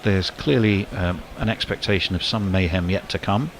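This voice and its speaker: A deep-voiced man gives live ball-by-ball commentary on a cricket match, brisk in pace and lifting suddenly on big shots. The audio is poor, with a little hiss or hum.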